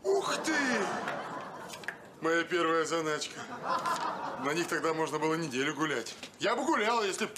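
Sitcom dad, excitable and naive, high animated voice over a noisy track. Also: male voice, normal speed, long pauses. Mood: eager. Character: excitable, gullible middle-aged family man. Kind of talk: sitcom acting. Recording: noisy TV soundtrack.

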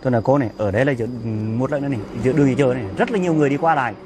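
A man's voice: mid-range voice, expressive, racing. A man playing a husband, defensively urging his wife to go home and talk there. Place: outdoors by a street at night. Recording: faint outdoor noise with crickets.

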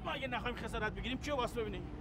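A man's voice: very high-pitched, very noisy. An actor playing an irritable, sarcastic male driver in a TV drama. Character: gruff, prickly male driver.

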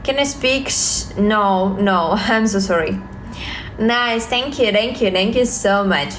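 A young woman from Russia with a Russian accent, livestreaming from her phone at home, reading viewer questions and answering in slow, halting English full of fillers and repeated thanks. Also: medium pitch, fairly bright tone, a little hiss or hum. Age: young adult. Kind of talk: live stream chat reading viewer comments. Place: home, indoors, small room. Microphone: phone at arm's length.

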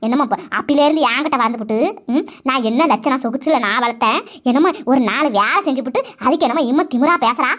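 A woman voicing a sharp-tongued village woman who scolds and grumbles sarcastically in a cartoon family quarrel. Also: high voice, fast, few pauses. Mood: scolding. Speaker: cartoon voice artist. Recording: dull lo-fi recording.

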